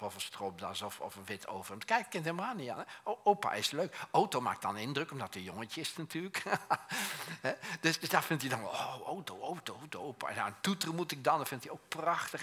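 A man's voice: fairly high pitch, breathy edge. An older man preaching a sermon in a joking, storytelling way, acting out quotes in plain everyday speech. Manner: animated, plain-spoken.

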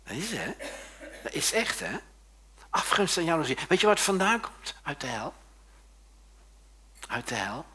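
Lively, husky-voiced male preacher. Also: a little high, moderate pace, long pauses. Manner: lively and joking, often tags questions to the congregation. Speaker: pastor. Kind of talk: sermon.

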